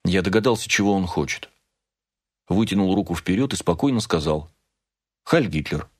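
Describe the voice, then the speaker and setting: Man, audiobook narrator, very low voice, measured pace, first-person novel. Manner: measured, steady storytelling.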